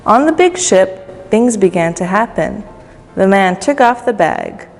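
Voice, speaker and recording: Reading to young listeners at storytime, this woman volunteer brings a children's story to life expressively and adds playful asides. She speaks at a measured pace in an animated, medium-pitched voice. The sound carries a long, echoey reverb over faint background music.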